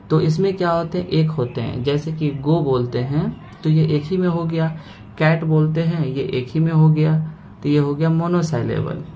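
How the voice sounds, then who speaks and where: A man teaches a grammar lesson, slowly splitting words into their parts and checking in with "okay" after each point. His voice has a fairly high pitch and a darkish tone, with a little hiss or hum in the audio.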